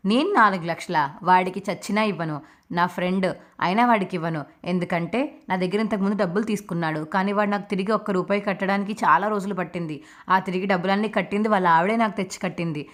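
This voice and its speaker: A woman's voice: mid-range voice, quick pace, a bit bright, lightly acted. A woman voicing a stern, dismissive older moneylender man, curt and scornful.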